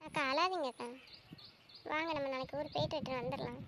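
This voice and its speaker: A woman plays a young sister, comforting and coaxing in a high, hurried voice. She sounds distant, with loud birds and outdoor noise behind. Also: close to an everyday voice. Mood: soothing. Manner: soothing, coaxing.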